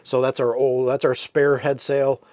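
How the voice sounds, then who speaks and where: A man's voice: medium pitch, normal speed, no echo. Laid-back man touring his sailboat cabin. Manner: relaxed, rambling, with fillers and self-corrections. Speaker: sailboat owner giving a tour. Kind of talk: casual walkthrough vlog.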